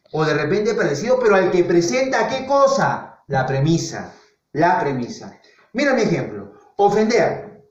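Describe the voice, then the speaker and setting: A male teacher giving a classroom lesson, asking questions aloud and answering them himself, repeating key words for emphasis. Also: high-pitched. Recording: echoey, dull lo-fi classroom recording.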